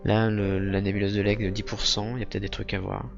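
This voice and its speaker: Low, creaky man doing casual game commentary. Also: flat delivery, quick pace, dull audio, music in the background. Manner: hesitant, loosely improvised thinking aloud. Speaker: gaming video host. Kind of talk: casual let's play commentary.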